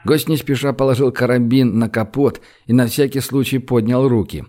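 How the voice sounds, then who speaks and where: A man narrating an audiobook, lively and acting out the dialogue. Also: medium pitch, normal speed.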